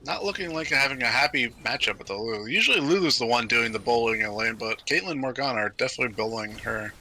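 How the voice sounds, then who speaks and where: Man, esports commentary, very bright tone, mid pitch, analytical play-by-play. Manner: brisk, analytical, with frequent fillers. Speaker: esports caster.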